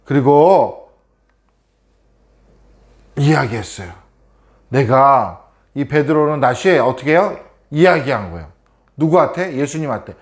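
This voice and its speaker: A man's voice: medium pitch, measured pace, pauses often. Korean man telling a children's sermon. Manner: asks children questions, lively storytelling. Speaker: children's preacher.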